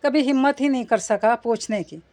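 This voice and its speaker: A playful, affectionate young fiancé from a romance novel, as a woman narrator reads him. The voice sits somewhat high, gentle and teasing, told in audiobook fashion. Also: normal speed, natural voice. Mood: tender teasing.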